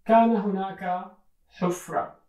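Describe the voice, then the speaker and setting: A teacher tells a story for learners at a very slow, deliberate pace, repeating every phrase and stopping to gloss words in English. The voice comes across roomy and echoey, set back a little from the mic. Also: medium pitch, steady tone, warm tone. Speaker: language teacher telling a story. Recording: roomy echo, voice from mic distance.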